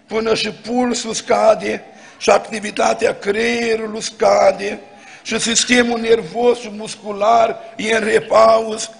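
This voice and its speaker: A man preaching a church sermon, telling stories and acting out quotes in a lively way. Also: high voice, creaky. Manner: preaching with anecdotes and acted quotes. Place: church hall. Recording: long church hall reverb.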